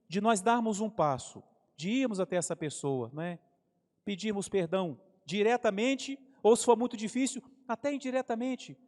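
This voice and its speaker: Priest preaching in an echoing church. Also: male voice, high-pitched, a little mellow. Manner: frequent "isn't it?" tag questions, storytelling with quoted dialogue. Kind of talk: homily. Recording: long church reverb.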